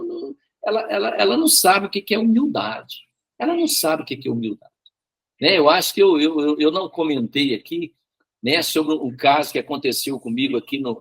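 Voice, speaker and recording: High, lively, husky man telling a story. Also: brisk. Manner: repeats words, frequent tag questions. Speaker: Bible study teacher. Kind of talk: storytelling in a Bible study.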